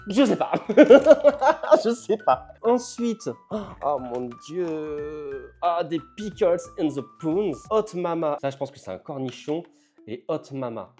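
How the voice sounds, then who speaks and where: An older man talks his way through an unboxing, chatty and quick to laugh. His voice is mellow and warm. He trips over English words as he reads them out. Soft music plays underneath. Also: a little high, animated. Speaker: vlogger. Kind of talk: casual unboxing vlog.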